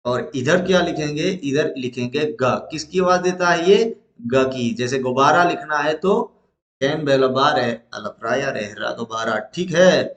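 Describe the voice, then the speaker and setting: A man's voice: medium pitch, normal speed, fairly bright tone, echoey room. A male teacher, leading a lesson at the board, asking questions and answering them himself.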